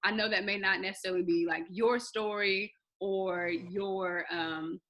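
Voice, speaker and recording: A woman hosting a group discussion, asking thoughtful questions with pauses as she searches for words. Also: medium pitch, steady tone, fairly bright tone. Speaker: host.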